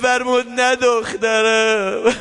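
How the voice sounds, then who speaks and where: A man's voice: extremely high pitch, level tone, pushed and bright. A man leading a chanted religious mourning recitation. He moves between sung lament and spoken storytelling, and he speaks straight to the listeners.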